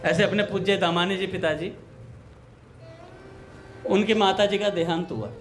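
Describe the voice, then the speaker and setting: A man with a high voice gives a relaxed devotional talk and tells anecdotes. He acts out the dialogue of the people in his stories. Soft music plays faintly behind him. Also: unhurried. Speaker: satsang speaker.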